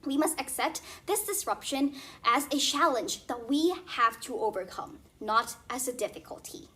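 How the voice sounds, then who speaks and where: A young woman competing in a speech contest, delivering a formal, rehearsed speech in a stiff, memorized way with deliberate emphasis. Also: high-pitched, lively intonation, sharp tone. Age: young adult.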